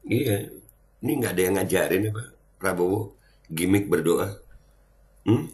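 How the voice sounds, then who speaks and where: Man, middle-aged, low voice, mocking casual host banter. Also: lively intonation, a little slow, a little mellow. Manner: mocking, chatty banter with the audience. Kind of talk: casual reaction commentary.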